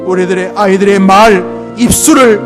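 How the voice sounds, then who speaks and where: High-voiced man leading fervent prayer. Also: steady tone, moderate pace. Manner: repetitive pleading prayer, swelling loud then dropping to murmurs. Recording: organ music behind. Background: organ music.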